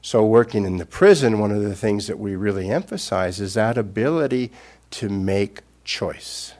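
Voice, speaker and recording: An older man, a Buddhist teacher, gives an unscripted Dharma talk. His voice is fairly low, and he speaks gently and reflectively, with pauses.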